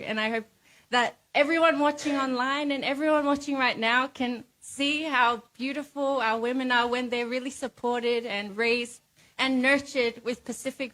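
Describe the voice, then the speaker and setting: A woman's voice: high voice, fairly bright tone. A woman hosting a live pageant event, speaking to contestants and audience in a poised, earnest way. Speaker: pageant host.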